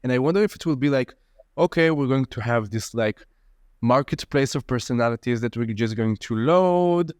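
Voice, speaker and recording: A man hosting a casual podcast, asking questions in a halting way and searching for words. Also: mid-range voice, a little mellow, smooth, dry recording, clean studio sound. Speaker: podcast host.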